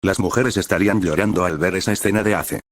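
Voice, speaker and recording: A man with a very low voice narrates a fan story in a flat, even read-aloud tone. The sound is dry and close, with no room around it. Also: fast, dry recording.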